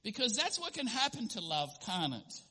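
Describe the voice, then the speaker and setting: A man preaching with a high, very bright and ringing voice. He delivers an earnest sermon and now and then acts out small scenes in different voices. His words trail off into a long reverb, as in a church hall. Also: sing-song, moderate pace, breathy edge. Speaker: pastor.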